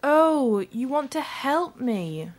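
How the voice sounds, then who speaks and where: A woman voicing a young red-haired girl in an audio story, speaking English slowly and carefully. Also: mid-range voice. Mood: earnest. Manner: slow, carefully spoken English.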